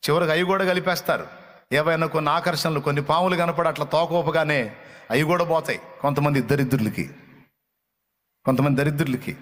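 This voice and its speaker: Fiery high-voiced preacher in an echoing hall. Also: male voice, fairly quick. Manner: scolding, repetitive, rising to loud rebukes. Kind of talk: fiery sermon. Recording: long hall reverb.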